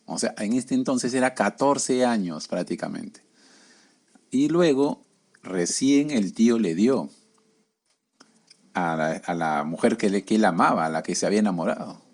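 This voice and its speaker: A man's voice: lowish voice, lively intonation, measured pace, long pauses, a little mellow. A man preaching a conversational sermon, often tagging his lines with questions to the listeners.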